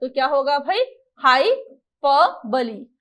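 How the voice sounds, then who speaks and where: A young woman teaches an English exam lesson in a lively coaching style, asking questions and then answering them herself. Her voice is high-pitched and her pace normal.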